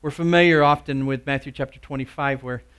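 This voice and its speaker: A man preaching a sermon, emphatic and repeating words for stress, swinging between loud urging and soft asides. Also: mid-range voice, fairly even intonation, brisk, clean tone.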